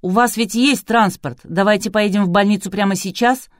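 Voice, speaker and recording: A woman's voice: medium pitch, moderate pace, no echo, clean studio sound, pitched above the performer's own voice, natural voice. A woman voicing an indifferent young man who speaks offhandedly in an audiobook. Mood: offhand. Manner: offhand, shrugging.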